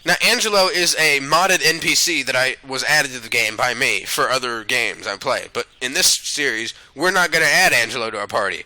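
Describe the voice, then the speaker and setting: A man's voice: medium pitch, lively intonation, brisk, hardly any pauses, pushed and bright, poor audio. A man hosting a let's play, giving casual gaming commentary and swearing freely on a close mic.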